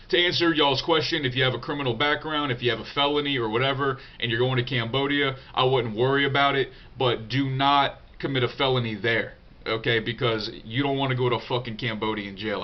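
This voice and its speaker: In a muffled recording, a young man speaks at normal speed with a medium-pitched, steady voice made nasal and stuffy by a cold. He fields viewers' questions in a casual, profane, unscripted vlog, leaning heavily on filler words.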